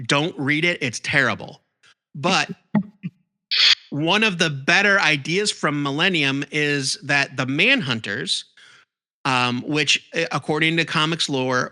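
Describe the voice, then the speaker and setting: Bright-voiced man rambling about comics. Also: medium pitch. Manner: rambling, animated, lots of fillers and restarts. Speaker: podcast co-host. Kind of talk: casual chat about comics.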